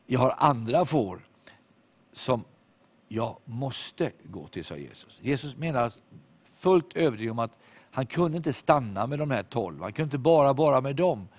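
Male preacher, mid-pitched, emphatic rising-and-falling delivery, dry and close. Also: expressive, no echo. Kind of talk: sermon.

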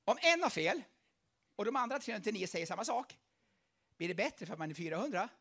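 A male pastor delivering a lively sermon, often pausing to tell the congregation to listen. His voice sits high and leaps widely in pitch as he drives each point home. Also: gravelly. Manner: animated, repeatedly urging listeners to pay attention.

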